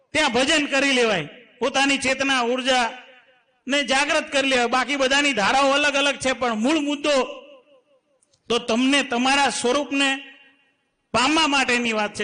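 A man's voice: extremely high pitch, bright, forceful tone. A man giving a devotional sermon at a spiritual gathering, telling folk parables and quoting verses of saint poets in an earnest, exhorting tone. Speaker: spiritual speaker at a satsang.

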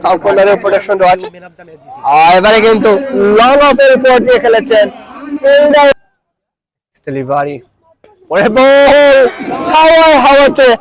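Excited Bangladeshi man calling cricket, very high-pitched. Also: poor audio. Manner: frantic, excited calling with drawn-out English catchphrases. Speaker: cricket commentator. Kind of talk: live cricket commentary. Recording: loud crowd noise behind. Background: crowd at an outdoor cricket ground.

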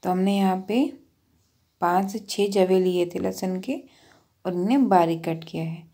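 A woman's voice: on the low side, steady tone, measured pace, warm tone. A woman hosting a cooking channel, patiently talking through each step of a recipe in a voice-over with practical tips.

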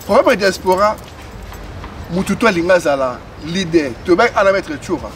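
A man's voice: high-pitched, animated, moderate pace, a bit bright. A man giving impassioned outdoor political commentary, repeating himself and mixing French into his talk. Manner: impassioned, repetitive, switches between Lingala and French. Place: outdoors on a city street. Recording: distant mic outdoors with faint noise.

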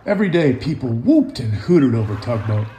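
A man in his fifties, an author and illustrator, reads a picture book aloud to children and walks them through drawing. His medium-pitched voice is very animated and warm at a normal speed, with casual, simple wording and encouraging asides to young viewers. There's slight background noise.

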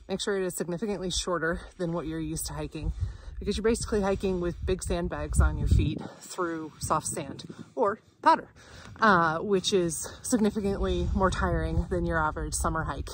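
A woman's voice: on the low side, moderate pace, background noise. A young woman giving practical, friendly advice on a snowy outdoor trail. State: a little out of breath from hiking. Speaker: outdoor vlogger. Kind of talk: casual outdoor explainer. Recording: music playing underneath.

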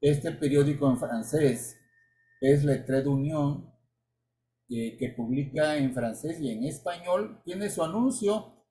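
Guy lecturing over slides, kinda high voice, slow and explaining, bit of hiss from a desk mic. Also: dark tone. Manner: measured, explanatory, with pauses and restarts. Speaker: history author and lecturer. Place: indoor room, webcam inset.

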